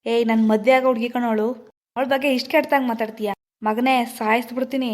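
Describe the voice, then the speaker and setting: A woman's voice: on the high side, fairly even intonation, fast, close to an everyday voice. [name], a woman playing a fiery lover. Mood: angry. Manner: forceful threats, gentle reassurance. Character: young village labourer man, protective, hot-tempered lover.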